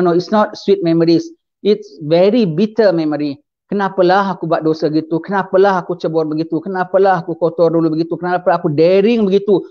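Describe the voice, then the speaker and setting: A man with a high-sitting voice preaches a sermon, captured in a muffled recording. He slips English phrases into his speech and poses questions to his audience, then answers them himself.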